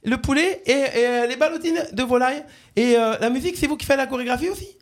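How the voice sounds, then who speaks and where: A radio host doing a prank call, voicing a bumbling corporate communications manager who stammers and repeats himself. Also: male voice, extremely high pitch, quick pace. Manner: stammering, hesitant, repeats words.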